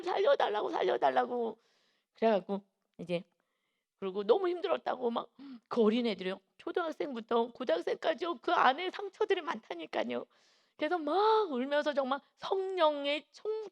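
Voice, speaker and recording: A woman pastor giving an early-morning sermon, telling a personal story earnestly and swinging from hushed tones to emphatic ones. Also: a little high. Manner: earnest storytelling, acting out quoted voices.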